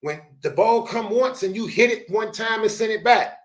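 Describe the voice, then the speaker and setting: A man hosting a show, reacting to a clip with animated, slangy, preachy advice. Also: high voice, moderate pace. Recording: roomy echo.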